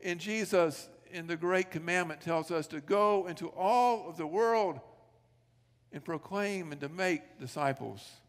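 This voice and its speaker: A male pastor preaching a sermon in a church sanctuary, telling stories, asking rhetorical questions and acting out quoted dialogue. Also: fairly high pitch. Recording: long reverb of a church sanctuary.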